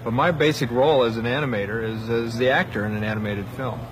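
Mid-pitched man in a noisy interview. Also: quick pace. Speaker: character animator. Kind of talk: informal documentary interview. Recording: noticeable background noise.

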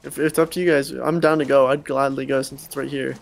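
A man in casual gaming chat with friends, directing the squad with quick calls over a headset. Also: medium pitch, level tone, gravelly. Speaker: streamer playing with friends.

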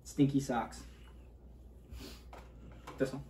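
A man's voice: medium pitch, flat delivery, drawn-out words, mellow. A man chatting casually and egging on his friend in competitive banter while eating gross jelly beans. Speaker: host of a food challenge video. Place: small room at a table, indoors. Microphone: camera a few feet away. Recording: roomy echo, faint background noise.

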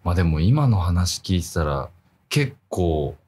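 A man hosting an interview casually, attentive and quick with agreement. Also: low voice, big pitch swings, darkish tone, husky. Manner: attentive, frequent backchannel, easy laughter.

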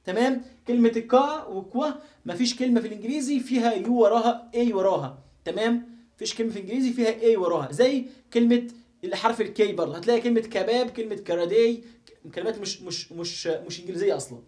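A man's voice: sits high, rapid-fire, warm tone. A man with an Egyptian accent teaching a live online English phonics lesson, repeating sounds and phrases again and again as he drills pronunciation. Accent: Egyptian Arabic. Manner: repetitive, drills pronunciation over and over.

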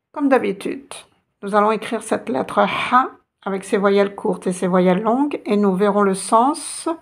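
A woman gives an online language lesson in an unhurried, patient way, repeating each sound for her students. Her voice carries a gravelly fry. She speaks slowly and deliberately. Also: medium pitch. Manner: slow, patient, instructive, repeats letter sounds. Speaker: Arabic teacher.

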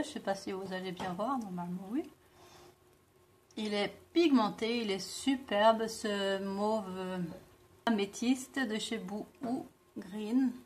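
A woman reviewing beauty products in a casual vlog, talking with many fillers and pauses. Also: medium pitch, a little hiss or hum. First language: not English. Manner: slow, hesitant, many fillers. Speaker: beauty vlogger.

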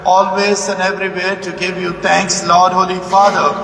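A man, a priest, reciting the prayers of the Mass in a measured, solemn manner, his voice echoing through a large cathedral. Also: high-pitched, flat delivery, creaky, a bit bright. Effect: cathedral echo. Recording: echoey cathedral, distant mic, faint hum.

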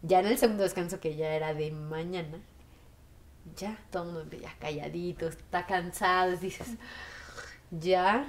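A woman in her thirties with a lowish voice and a Mexican Spanish accent tells her story in a documentary interview at a moderate pace. She's animated, acting out the voices she quotes, and there's a little hiss or hum on the recording.

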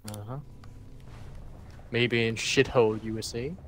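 A man from Denmark, a co-player in casual gameplay chat, deadpan with gloomy dark humor. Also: medium pitch, a little slow, a little hiss or hum.

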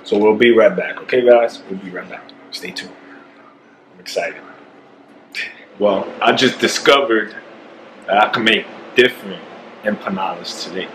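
A man's voice: lowish voice, moderate pace, long pauses, fairly bright tone, slight background noise, poor audio. A man in his thirties filming himself at arm's length in a home kitchen, chatting jokingly while he cooks. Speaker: vlogger cooking at home. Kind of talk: casual cooking vlog. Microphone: handheld camera at arm's length.

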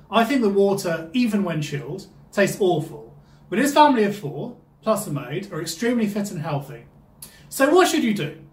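A man hosts his own explainer channel in a high, lively voice that swoops up and down. He talks upbeat and emphatic, reading a scripted narration, and the recording has a roomy echo. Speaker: channel host.

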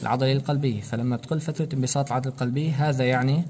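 In a practical medical demonstration, a man lectures on anesthesia, walking through procedure steps and quizzing students with rhetorical questions. His medium-pitched voice is a little mellow and fairly even in intonation, and he races along. A faint hiss or hum sits under the recording.

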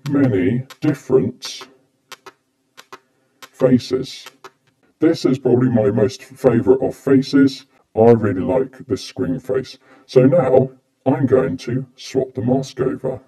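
A man's voice: medium pitch, dark tone. A man casually reviewing a gadget, speaking through a face mask in a plain, matter-of-fact way. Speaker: product reviewer.

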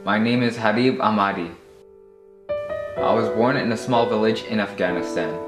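An actor in an amateur film narrating as a troubled male militant, in a measured, sombre way. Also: on the low side, echoey room, over music, close to an everyday voice. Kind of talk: scripted narration.

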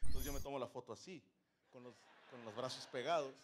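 A man's voice: mid-range voice, fairly quick. A man with a Mexican accent, a streamer telling a crude, joking story on a live stream. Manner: crude, joking anecdote-teller. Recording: noisy stream audio.

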